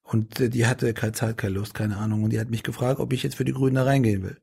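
A man's voice: medium pitch, fairly even intonation, fast, gravelly, darkish tone, slightly rough. A middle-aged man in a casual interview, talking in a rambling way with many restarts and fillers. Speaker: politician guest.

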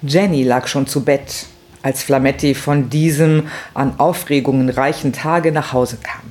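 Slow, measured male novel reader. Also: medium pitch, fairly even intonation, darkish tone. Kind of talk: literary reading with brief chat.

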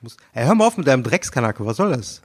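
Podcast co-host, man, middle-pitched voice, calm and reasoning, the level-headed counterpart. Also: fast talker, slightly rough. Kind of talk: casual podcast chat.

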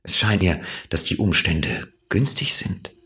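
A man voicing a small, curious boy prince who speaks in an earnest, gentle, wondering way in an audiobook reading. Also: sits low, expressive, unhurried, exaggerated voice. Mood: polite.

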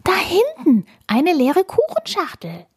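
A woman's voice: very animated, moderate pace. A woman voicing an eager five-year-old girl in a children's storybook reading. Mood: excited. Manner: eager, high and bright.

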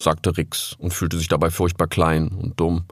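A man narrating an animal story audiobook with expressive, lively storytelling. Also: low-pitched, a little slow, gravelly, breathy edge, no echo, clean studio sound.

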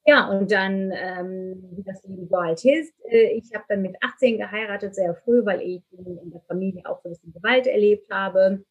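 A woman's voice: mid-range voice, normal speed, hardly any pauses, slightly rough, highs cut off. A middle-aged woman from Turkey, speaking candidly and earnestly as an interview guest, with many fillers. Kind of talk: conversational interview.

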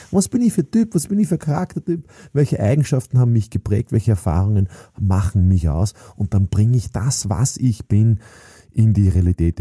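A man's voice: deep voice, mellow, slightly rough, no echo, studio quality. A middle-aged man, giving an emphatic, preachy motivational podcast monologue with many fillers and restarts. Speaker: sales trainer and podcast host.

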